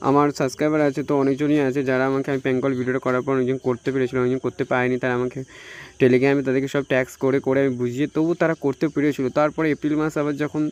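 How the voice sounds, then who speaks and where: Speaking at a racing clip, this tech YouTuber from India with a Bengali accent runs through a casual phone tutorial. He keeps repeating himself and frequently ends phrases with a quick checking question. His mid-range voice is flat in delivery, with a darkish, clean tone.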